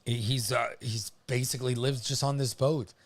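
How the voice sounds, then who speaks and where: A man with a mid-pitched voice hosts a live weather stream. He talks casually and informally, commenting as he goes, with a halting delivery and frequent hesitations. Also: steady tone. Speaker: livestream host covering a hurricane.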